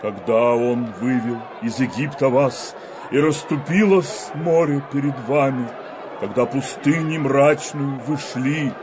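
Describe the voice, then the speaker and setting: Slow, stern righteous prophet-like elder. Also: male voice, fairly high pitch, noisy background. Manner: solemn, oratorical, denouncing. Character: stern righteous elder rebuking a stubborn nation. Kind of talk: declaimed verse drama.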